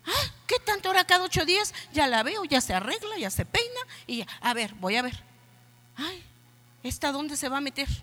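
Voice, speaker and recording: A woman's voice: high voice, big pitch swings, moderate pace, bright, forceful tone, big-room sound, pitched above the performer's own voice, heavily acted. A woman pastor with a Mexican accent voicing a jealous, suspicious husband who fires off nosy grumbling questions. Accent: Mexican Spanish.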